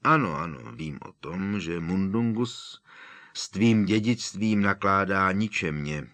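A man voicing a calm, wise elderly headmaster in an audiobook reading, measured and soothing. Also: low voice. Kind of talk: audiobook character voice.

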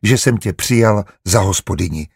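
A man voicing a self-assured young doctor in an audiobook, speaking patiently with a husky voice. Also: lowish voice, dry recording, studio quality.

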